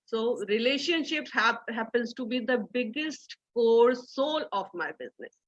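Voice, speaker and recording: A woman speaking softly as a guest on an online panel. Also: on the high side, animated, measured pace, dry recording. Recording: dull dry video call audio.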